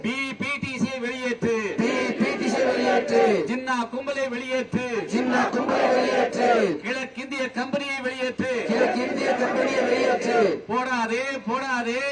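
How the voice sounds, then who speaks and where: A man leading a protest, chanting slogans through a megaphone slowly and repetitively. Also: very high-pitched, level tone. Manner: slow, repetitive shouted call-and-response chanting. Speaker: protest leader. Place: outdoor street protest. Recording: distant megaphone over loud crowd noise.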